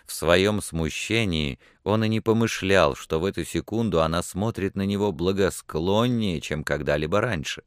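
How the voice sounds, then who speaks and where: A man reading a novel aloud in steady, scripted audiobook narration. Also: low-pitched, moderate pace, hardly any pauses, clear, resonant tone, no room sound, clean studio sound.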